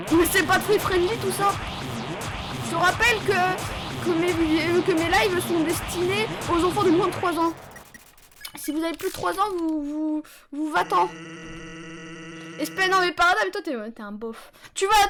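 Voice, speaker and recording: A woman streaming a game live on a headset, chatting with viewers in a joking, excitable way with sudden yelps. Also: extremely high pitch, normal speed, over music. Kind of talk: casual live-stream chat while gaming.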